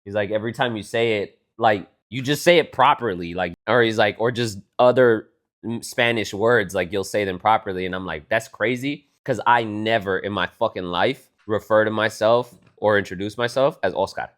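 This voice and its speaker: This young man from Texas co-hosts a podcast, speaking at normal speed in a voice that's on the low side with a fairly bright tone. His talk is casual chat, retelling conversations with plenty of swearing.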